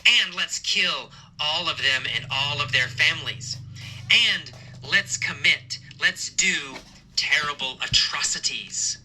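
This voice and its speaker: A man voicing a hysterical, warmongering man who urges his friends to violence, mid-lesson. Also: fairly high pitch, lively intonation, slow, a little hiss or hum, heavily acted, low-quality recording. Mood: rallying.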